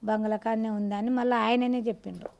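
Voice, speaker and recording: A woman's voice: fairly high pitch, flat delivery, quick pace, gravelly, darkish tone, lo-fi sound. A woman, the victim's mother, giving short, plain answers to a reporter.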